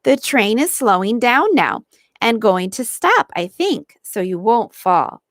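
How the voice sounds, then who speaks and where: A woman voicing a patient mother in a storybook, speaking calmly and soothingly. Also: a little high, takes it slowly, dry recording, studio quality, full character voice. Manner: calm, soothing. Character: patient mother of twins, gentle.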